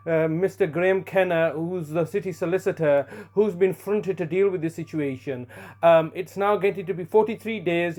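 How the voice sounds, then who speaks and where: A man's voice: sits high, darkish tone. A man leaving a long, aggrieved voicemail, heard over a phone line, accusing and stumbling over fillers as he goes. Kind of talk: long complaining voice message. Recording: muffled phone-line recording.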